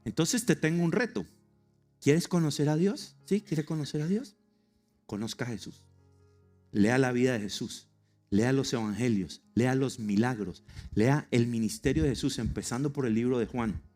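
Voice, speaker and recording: A man's voice: mid-range voice, moderate pace, darkish tone, soft background music. A male pastor preaching a sermon in an emphatic way, firing rhetorical questions with humorous asides to a congregation.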